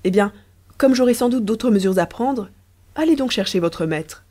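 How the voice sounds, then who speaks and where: Sly scheming husband, read by a woman, wheedling, politely persuasive, mellow warm tone, storybook. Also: on the high side, lively intonation, moderate pace. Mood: coaxing. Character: smug, scheming husband Riquet, slyly polite.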